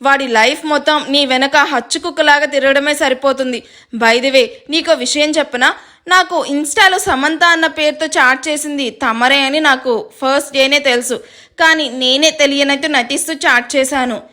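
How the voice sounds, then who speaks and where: A woman's voice: high-pitched, normal speed. A woman reading an audio story, voicing a joking, easygoing young man who mocks and teases. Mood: teasing. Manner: joking, mocking, calm. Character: teasing easygoing young man, brother-in-law.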